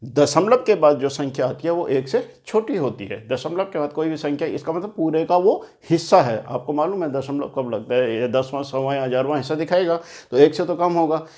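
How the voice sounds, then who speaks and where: His voice is fairly high, expressive and dark in tone, and he speaks fairly quickly with hardly any pauses. He is teaching children maths at a board, explaining patiently step by step and often repeating and rephrasing the key points of the classroom lesson.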